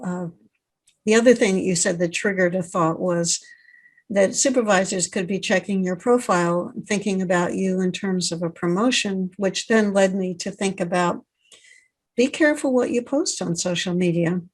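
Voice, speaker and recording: A woman interviews her guest in a steady, fluent voice. She lays out her thoughts in full, measured sentences. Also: mid-range voice. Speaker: podcast host. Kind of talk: interview host.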